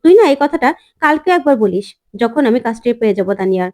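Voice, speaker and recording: A man's voice: very high voice, expressive, very fast, warm tone. A woman voicing a smug, scheming father who mocks his estranged wife, in a taunting, sarcastic manner, as she narrates a serial's episode.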